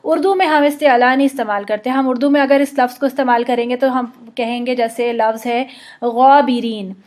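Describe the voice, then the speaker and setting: A woman teaching Arabic letter sounds, explaining patiently and drawing out slow model pronunciations. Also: a little high, fairly even intonation, darkish tone. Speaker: Quran recitation teacher. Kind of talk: instructional explanation with slow demonstrations.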